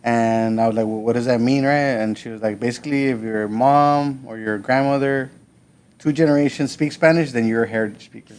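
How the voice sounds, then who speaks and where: A man in his thirties from South Texas, a podcast guest telling his story in a relaxed, rambling way with lots of fillers. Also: mid-range voice, fairly quick, smooth. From South Texas, USA. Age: 30s. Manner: relaxed, laid-back, many fillers and restarts. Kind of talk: casual conversational storytelling.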